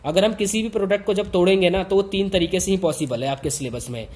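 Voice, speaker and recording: A man's voice: high voice, quick pace, a little mellow. A man teaching an informal lesson, talking straight to his students with emphatic repetition.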